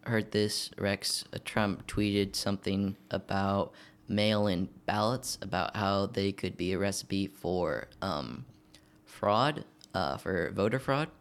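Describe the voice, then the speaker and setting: A man's voice: deep voice, slow pace. A man hosting a casual podcast discussion, talking hesitantly with many fillers. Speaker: podcast host.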